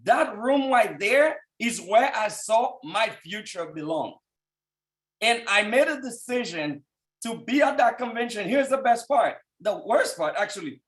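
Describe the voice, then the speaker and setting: Speaking unhurriedly in an expressive, high-sitting voice, a thirties-aged man from Haiti gives a passionate motivational talk over a call. His Haitian accent is heavy, and at his peaks he breaks into shouting.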